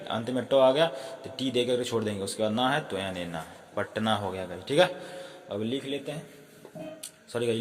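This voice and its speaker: Man teaching, loose and self-correcting, echoey room. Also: mid-range voice. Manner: repeats filler words, often apologizes and corrects himself. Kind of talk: casual spoken lesson.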